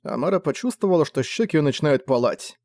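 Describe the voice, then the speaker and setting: A man narrating a fantasy audiobook with expressive storytelling. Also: fairly high pitch, quick pace, no echo.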